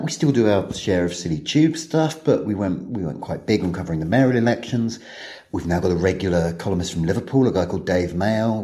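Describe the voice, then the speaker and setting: A deep-voiced man hosts a relaxed interview podcast. He talks in a loose, chatty way, often stumbling and repeating a word before pressing on. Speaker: podcast host. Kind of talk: casual conversational interview.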